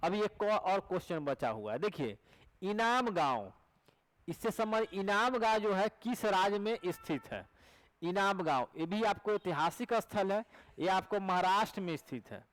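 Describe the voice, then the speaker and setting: High-voiced Bihari teacher drilling exam answers. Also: male voice, animated, normal speed, fairly bright tone, low-quality recording. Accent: Bihari Hindi. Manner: repeats each question and answer back to students; coaxing, asks rhetorical questions to check recall. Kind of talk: exam prep lecture.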